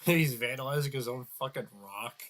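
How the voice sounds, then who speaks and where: A man's voice: medium pitch, moderate pace, a bit bright. A man giving crude, sarcastic reaction commentary on a video, stuffed up and nasal from a cold. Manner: crude, sarcastic, swears often, muttering asides.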